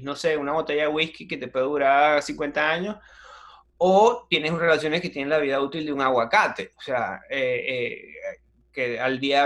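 Man, Venezuelan accent, comedian guest, animated slangy storytelling, stumbles and restarts, fairly high voice. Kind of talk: casual interview chat.

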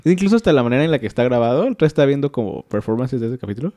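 A young Mexican man co-hosting a casual podcast, full of slang and lively retellings. He talks quickly at a middling pitch. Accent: Mexican Spanish. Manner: fast, slangy, animated retelling. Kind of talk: casual chat.

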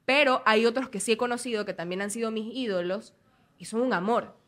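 Woman, podcast co-host, bright voice, slightly high, animated storytelling. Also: brisk. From Ecuador. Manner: animated storyteller, acts out quotes. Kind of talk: casual podcast chat.

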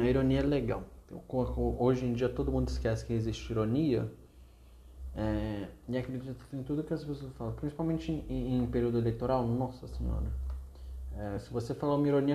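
A man's voice: medium pitch, mellow, echoey room. A man with a Brazilian Portuguese accent teaching an online literature lesson, chatty and digressive, often correcting himself mid-sentence. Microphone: video call.

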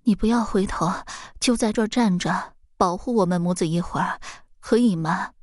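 A woman voicing a young mother in the woods, speaking weakly and hoarsely in a storybook tale. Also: medium pitch, moderate pace, dry recording, studio quality, lightly acted. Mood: gentle, weak. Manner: hoarse, pleading, weak.

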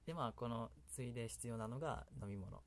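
Here a male solo radio host and creator talks briskly in a mid-range voice with a Kansai Japanese accent. The chat is casual and meandering, and he often laughs at himself.

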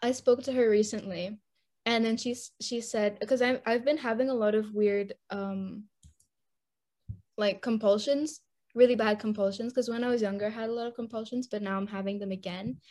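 A woman's voice: on the high side, fairly even intonation, moderate pace, darkish tone. A teenage girl from Indonesia in casual chat, talking in a rambling, giggly way. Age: teens.

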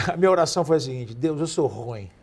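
A man's voice: a little high, a little fast, breathy edge. Man in his forties telling stories. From Brazil. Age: 40s. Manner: lively anecdotal, acts out quoted voices. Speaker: podcast guest. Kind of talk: casual storytelling.

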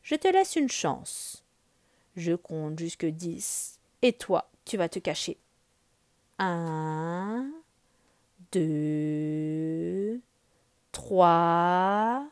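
A sly, menacing male tiger from a storybook, put on by a woman reader. He purrs his threats low and slow, stretching every word. The sound is dry and close. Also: expressive, a little mellow, clean tone, dry recording, exaggerated voice. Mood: taunting.

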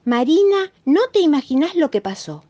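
A woman voicing an excited little girl, the narrator's best friend, with a Rioplatense accent. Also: mid-range voice, measured pace. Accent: Rioplatense Spanish. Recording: dull muffled recording.

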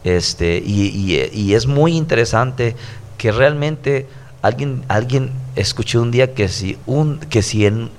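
A man's voice: medium pitch, expressive, slow pace, a little hiss or hum. A man in his thirties with a Mexican accent, a pastor who preaches conversationally on a podcast and repeats his points earnestly. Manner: earnest, preachy, stacked repetitions.

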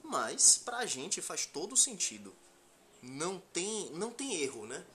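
Male podcast host, Brazilian Portuguese with Bahian accent, slightly high bright voice, slangy, sweary, comedic. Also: very animated, takes it slowly, a little hiss or hum. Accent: Brazilian Portuguese, Bahian from Salvador. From Salvador, Bahia, Brazil. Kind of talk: casual comedic podcast chat.

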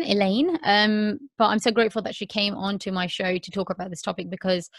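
A woman's voice: mid-range voice, dry recording, studio quality. A woman in her thirties hosting a candid podcast, talking earnestly with many repeats and "um"s. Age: 30s. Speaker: podcast host.

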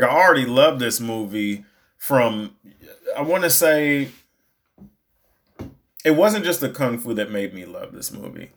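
A young adult man telling a personal story in a casual, animated way, rambling and restarting his sentences as he goes. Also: medium pitch. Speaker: storyteller recounting a movie outing.

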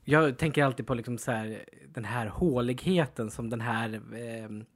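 A man co-hosting a podcast at home, chatting casually, animated and defensive, laughing often. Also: medium pitch. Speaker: podcast co-host. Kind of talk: casual chat. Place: at home, dog in the room.

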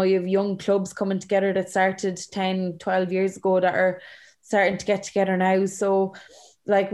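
A woman's voice: medium pitch, a little mellow. An Irish woman being interviewed as a sports player, chatting casually and leaning on "like" and "you know".

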